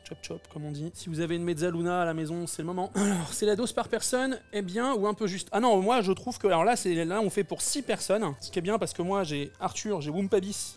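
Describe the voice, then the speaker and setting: A man's voice: high voice, fairly quick, hardly any pauses. A man in his thirties chatting casually while he cooks live, joking and thanking his viewers. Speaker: cooking streamer. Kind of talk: live-stream cooking chat.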